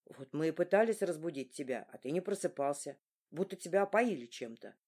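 A woman voicing a weary, injured young father who speaks low and hushed. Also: expressive, fairly quick, slightly rough. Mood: tired.

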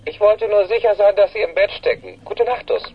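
A man's voice: high voice, animated, brisk, husky. An actor playing a sly, mocking mystery man in a radio drama, with fake friendliness and playful taunts. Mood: sly, taunting. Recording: dull muffled line, faint noise.

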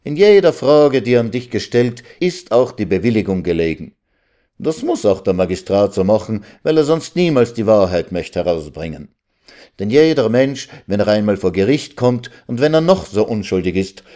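A man reading aloud, voicing a know-it-all village lawyer who lectures slowly and condescendingly. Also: fairly low pitch, sing-song, warm tone. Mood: lecturing. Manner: lecturing, drawn-out.

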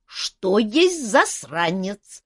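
A woman's voice: mid-range voice, big pitch swings, a bit bright, breathy edge, no room sound, clean studio sound, voice pushed up, exaggerated voice. A woman voicing a curious, childlike female dragon who speaks in broken sentences. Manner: broken grammar, slow wondering questions.

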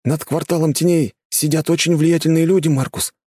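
A man's voice: a little high, breathy edge, dry recording, pitched above the performer's own voice. A man voicing an earnest, idealistic young man in an audiobook, speaking eagerly. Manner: eager, fast and lively. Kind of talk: audiobook character voice.

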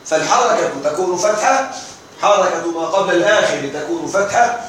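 High-voiced man teaching, echoey room. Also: a little fast, fairly bright tone, slight background noise. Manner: asks the class questions and answers them himself. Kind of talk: classroom lesson explaining grammar. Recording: echoey room recorded from a distance.

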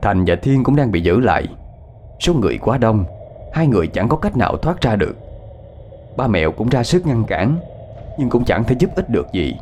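Expressive male ghost-story narrator. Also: medium pitch, moderate pace, slight background noise. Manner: dramatic, expressive reading. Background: soft background music.

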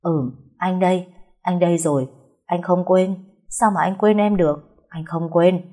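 A woman voicing a young husband just out of a coma, speaking softly and slowly with a trembling voice. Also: lowish voice. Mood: tender. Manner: slow, soft, trembling. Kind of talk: audiobook character voice.

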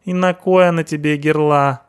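A cheeky young punk guy with a whiny, slangy drawl, pitched far up, as a male audiobook reader puts him on. He sounds loud and pushy, each line stretched out lazily. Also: steady tone, moderate pace, smooth, lightly acted.

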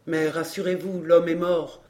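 A man's voice: a little high, little pitch movement, a little slow, a little mellow, lightly acted. A man reading an earnest young lover. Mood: urgent. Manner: earnest, urgent. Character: devoted young man in love.

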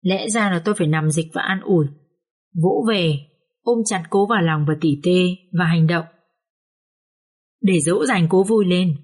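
A woman's voice: lowish voice, measured pace, pauses often, a little mellow. Woman reading a story aloud. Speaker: audiobook reader. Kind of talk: expressive story narration.

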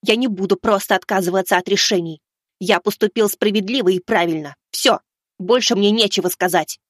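Guy doing a high-pitched angry little kid, talks back hard, dry close sound. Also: brisk, no room sound. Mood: defiant. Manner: indignant, shouting back at authority. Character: defiant furious young boy, stubborn and righteous.

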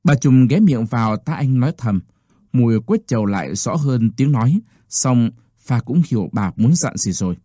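A man narrating a story from a script, with an expressive storytelling delivery. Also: mid-range voice, normal speed, slightly rough, dry recording, clean studio sound.

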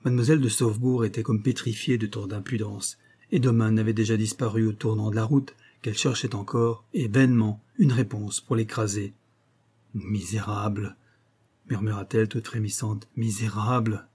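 A man reading a classic novel aloud in a measured, literary way. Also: lowish voice, fairly even intonation, mellow, breathy edge. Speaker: audiobook narrator.

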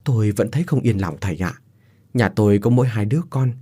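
Male narrator as a worried old mother, soft, husky. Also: fairly low pitch, quick pace. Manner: anxious, tearful.

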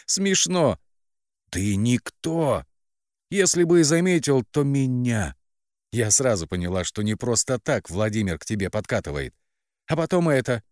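A man voicing a spiteful, cruel young woman who mocks her sister in a shrill, contemptuous voice. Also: dry recording, clean studio sound.

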